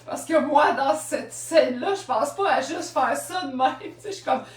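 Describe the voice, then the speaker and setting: A woman's voice: sits high, normal speed, distant mic. A woman with a Québécois French accent, chatting and telling stories while showing second-hand clothes on a live stream. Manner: chatty, storytelling, laughs often. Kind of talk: live-stream selling chat. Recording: roomy sound from off-mic.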